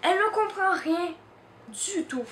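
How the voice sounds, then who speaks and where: A woman from Canada reads a children's story aloud with a high voice and an unhurried, expressive delivery. The room gives her a clear echo with a faint hiss underneath. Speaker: reader.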